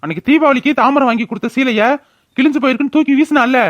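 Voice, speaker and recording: A man's voice: very high voice, fast, no room sound, muffled recording. A voice actor playing a stern, fair-minded middle-aged brother who questions his sister, in a cartoon. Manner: firm, questioning. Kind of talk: cartoon voice acting.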